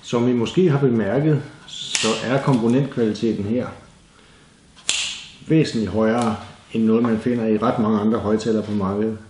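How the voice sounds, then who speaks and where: Casual tutorial narration comes from a Danish man presenting a DIY project, explaining things in a plain-spoken way. His lowish, darkish voice keeps a fairly even intonation, recorded in an echoey room with slight background noise.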